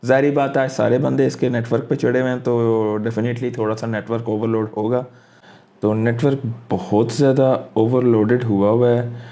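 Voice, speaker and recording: Mellow-voiced man walking through a screen tutorial. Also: medium pitch, little pitch movement, moderate pace. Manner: casual, thinks aloud while clicking through steps; mixes English phrases into his speech. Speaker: crypto tutorial host. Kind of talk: screen-recorded walkthrough tutorial.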